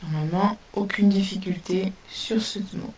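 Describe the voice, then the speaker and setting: A woman teaching a spelling lesson to young pupils, dictating words slowly and sounding out each letter. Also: mid-range voice, darkish tone. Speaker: primary school teacher. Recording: distant mic with faint hiss.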